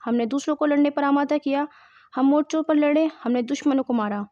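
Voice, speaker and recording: A woman's voice: sits high, fairly even intonation, a little mellow, no echo, highs cut off, close to an everyday voice. Woman reading as a defiant young woman fighter. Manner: proud, firm.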